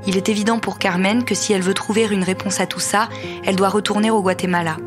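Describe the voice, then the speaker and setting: A woman's voice: medium pitch, steady tone, fast talker. Woman narrating a news podcast. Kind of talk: scripted narration. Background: music.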